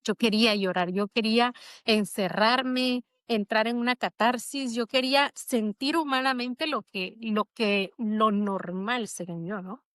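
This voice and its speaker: A woman's voice: on the high side, measured pace, a bit bright, smooth, no room sound. Reflective woman recounting her grief. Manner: reflective, emotional storytelling. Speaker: interview guest. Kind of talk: conversational interview.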